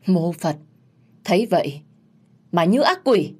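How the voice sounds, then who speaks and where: A woman voicing a bold young servant woman who answers with quick, cutting retorts. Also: lowish voice, lively intonation, a little mellow, breathy edge.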